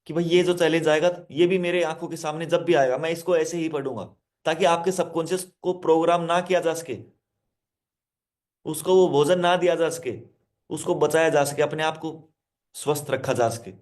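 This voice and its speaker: A man's voice: fairly high pitch, steady tone, moderate pace, a little mellow. A male hypnotherapist giving a self-help lesson, speaking directly to listeners, repeating his instructions and explaining with simple word examples.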